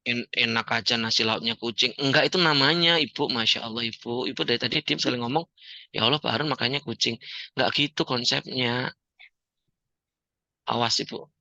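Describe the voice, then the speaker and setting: A man giving a joking, animated motivational talk to an audience as the founder of a community. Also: medium pitch, fairly quick, creaky, no echo. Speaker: founder and coach of a debt-free community.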